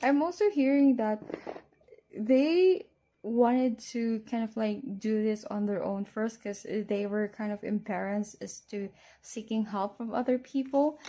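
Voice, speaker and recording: Speaking as a fortune teller to the listener, a woman gives a casual tarot reading. Her voice is mellow and slightly high, with a bit of background noise behind it.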